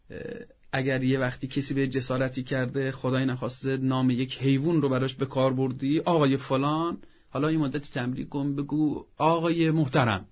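Male advice expert for a talk show, husky voice, patient and instructive, muffled broadcast quality. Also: mid-range voice. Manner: calm, instructive, lists steps and examples.

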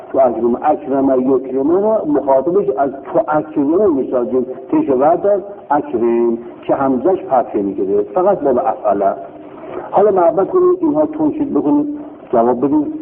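Male grammar teacher, gravelly, very lively pitch, drills forms and answers his own questions, tinny phone-line sound. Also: slight background noise. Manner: drills conjugations, asking and answering himself. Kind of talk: recorded classroom lesson.

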